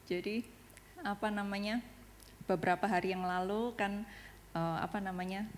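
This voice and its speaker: A woman's voice: mid-range voice, moderate pace, a little hiss or hum. Chatty mother in a reverberant hall. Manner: animated, chatty storytelling with many fillers. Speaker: parent asking a question. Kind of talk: telling a personal story. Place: school meeting hall.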